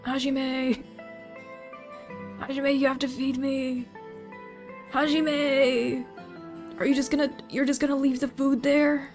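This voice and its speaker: A woman's voice: high voice, flat delivery, takes it slowly, pauses often, darkish tone, faint music behind, voice pushed up. A woman doing an impression of a frantic, hope-obsessed young man who is tied up and whines to be fed. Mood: whiny pleading. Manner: pleading, whiny, dramatic.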